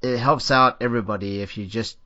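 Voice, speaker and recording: A man's voice: mid-range voice, fairly even intonation, brisk, bright, forceful tone, muffled recording. Rambling, self-deprecating podcast co-host man. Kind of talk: casual podcast chat.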